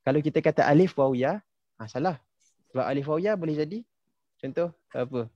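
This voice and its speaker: Teaching tajwid in a casual online class, a young man from Malaysia patiently quizzes students, dropping "ha" and "okey" into the gaps. He speaks fairly quickly in a mellow voice that sits a little high. The sound is lo-fi, without echo.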